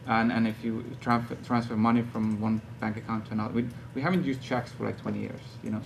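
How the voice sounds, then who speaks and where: A man's voice: on the low side, little pitch movement, quick pace, vocal fry, background noise. A young man from Norway, an audience member, speaking hesitantly and searching for words. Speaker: audience member asking a question.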